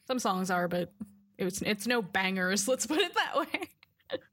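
A woman co-hosting a podcast in casual chat, animated, laughing often and swearing freely, recorded over a Skype call. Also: medium pitch, a little slow, no echo. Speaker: podcast co-host.

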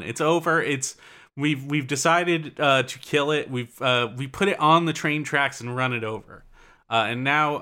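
Bright, lively man guesting on a podcast. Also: fairly high pitch. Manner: deadpan jokey, hesitant with fillers. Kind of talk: casual comedy chat.

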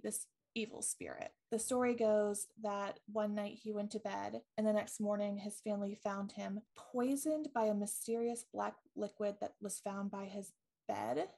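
A podcast co-host with a gravelly, mid-range, slightly mellow voice retells a ghost story in a relaxed way. She uses lots of ums and likes. Chatty by nature, she laughs readily.

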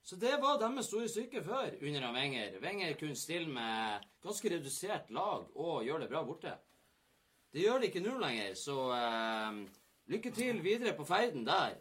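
A man hosting a casual sports talk show, joking and quick, with a husky voice. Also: fairly high pitch. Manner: lively, joking, hurried at times. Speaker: podcast host.

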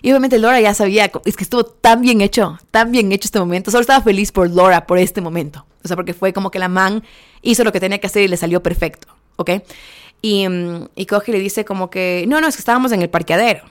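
A woman's voice: mid-range voice, fast. A young woman chats through a casual vlog review of a reality show. She keeps checking in with "¿ok?", calls her viewers friends, and drops English words into her sentences. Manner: chatty, keeps asking viewers "¿ok?"; sprinkles English words into speech.

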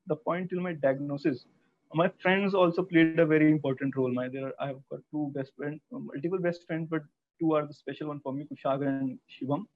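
A young man with a North Indian accent giving a personal account in an interview, speaking haltingly with frequent restarts. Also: fairly high pitch, fairly even intonation, no echo. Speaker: interview guest, cancer survivor. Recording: thin, phone-like call audio.

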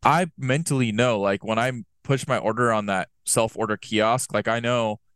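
A man's voice: fairly low pitch, fairly even intonation, moderate pace, a bit bright, clear, resonant tone, dry recording. A man as a podcast guest in casual chat, talking loosely with lots of "like". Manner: loose talk full of "like".

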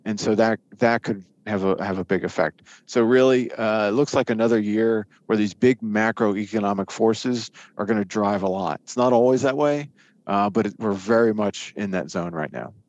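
A man with a fairly low voice gives conversational expert analysis as an interview guest. The sound is dry and close. He talks haltingly, circling back to repeat words as he builds each point. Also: a little mellow, no echo, dull audio. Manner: halting, repeats and restarts words mid-thought. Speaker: financial markets editor, interview guest.

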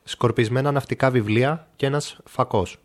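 Guy running a mystery game, calm descriptive narrating, middle pitch, lots of little "eh"s. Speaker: game master.

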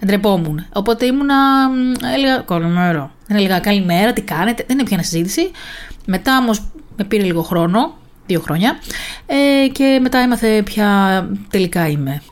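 A woman's voice: medium pitch, expressive. A young woman hosting a casual solo podcast, chatty and self-mocking as she talks straight to the listener. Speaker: podcast host.

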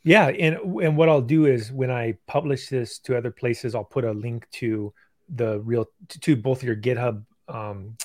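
A man hosting a live stream interview, asking questions in a relaxed, conversational way with some fillers. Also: mid-range voice, a little slow, no room sound, clean studio sound. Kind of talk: casual interview.

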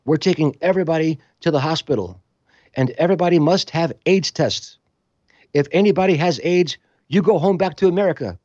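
A man voicing a stern male military officer who is loudly announcing orders, in a slightly muffled recording. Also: a little high, a little fast, no echo, pitched above the performer's own voice, lightly acted.

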